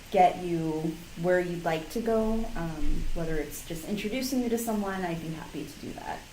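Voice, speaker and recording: A woman's voice: on the low side, a little mellow, slight background noise. A woman interviewing at a game jam, friendly and prompting. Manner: friendly, prompting, laughs easily. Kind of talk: casual interview chat. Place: co-working space office, not a studio. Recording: flutter echo off parallel walls, somewhat far from the mic.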